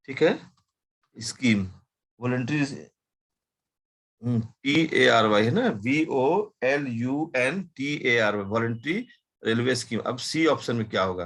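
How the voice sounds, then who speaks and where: A man teaching a live class, dictating slowly, spelling words out letter by letter and often adding short checking questions. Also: mid-range voice, fairly bright tone. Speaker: commerce teacher.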